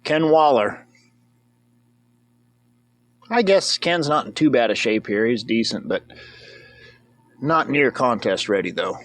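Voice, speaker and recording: A man's voice: mid-range voice, animated, takes it slowly, pauses often, fairly bright tone, dry recording. A man giving casual, comedic commentary over a movie as a reviewer. He rambles, jokes, and breaks into whoops and cheers.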